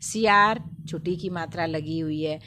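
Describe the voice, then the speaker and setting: A woman teaching young children in a video lesson, her voice pitched at an ordinary middle level. She is patient and repeats words slowly, leaning on each sound so the children can follow. Her voice is close to the mic. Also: expressive, a bit bright. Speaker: Hindi teacher.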